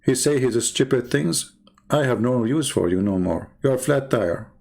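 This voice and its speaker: Guy ranting at some online debater, mocking, low mutters then jumps way up high, mid voice. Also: expressive, normal speed, vocal fry, darkish tone. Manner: mocking, scornful, swings between low mutters and high exclaims. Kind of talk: heated ranting monologue.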